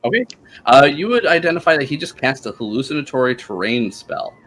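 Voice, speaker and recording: A man's voice: mid-range voice, big pitch swings, fairly quick, a bit bright, a little hiss or hum. A man narrating as game master of a tabletop game, in an easygoing, hesitant way. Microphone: streaming microphone.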